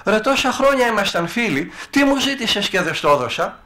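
Older man voicing hulking possessed man, accusing, raised higher than his own voice. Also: big pitch swings, bright, forceful tone, heavily acted. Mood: insistent. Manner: pushy, accusing.

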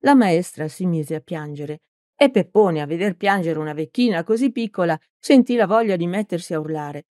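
A woman reading an audiobook aloud in a calm, even storytelling manner. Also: on the low side, moderate pace, no echo, clean studio sound. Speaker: audiobook reader. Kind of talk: scripted narration.

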